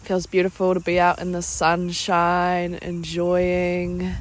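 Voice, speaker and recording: A woman giving casual, encouraging motivational talk as a podcast host, pausing often as she finds her words. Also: fairly low pitch, monotone. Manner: informal, encouraging, hesitant with pauses. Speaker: podcast host, life coach. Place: outdoors. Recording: outdoors with clear background insect noise.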